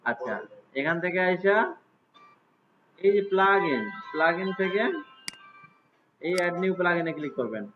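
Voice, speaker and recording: Teacher with tinny lo-fi sound. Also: male voice, high-pitched, expressive, moderate pace, long pauses, over music. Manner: casual, asks students frequent check questions. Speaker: computer class teacher. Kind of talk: live class walkthrough. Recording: tinny phone-like audio with faint hiss.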